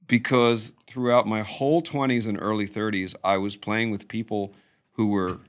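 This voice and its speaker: A middle-aged man, a musician guest, telling stories in a casual interview with lively restarts. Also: lowish voice, moderate pace, clear, resonant tone. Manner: animated storytelling with restarts.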